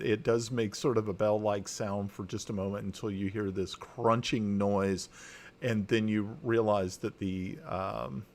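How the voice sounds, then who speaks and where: A man running a tabletop game as dungeon master, narrating slowly with many fillers and restarts. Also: on the low side, gravelly, a little mellow.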